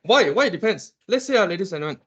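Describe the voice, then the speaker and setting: Malaysian-accented male lecturer, fairly high voice, playful classroom banter, dull recording. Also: rapid-fire, husky. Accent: Malaysian English. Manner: animated, teasing, quizzes the class. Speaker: economics lecturer.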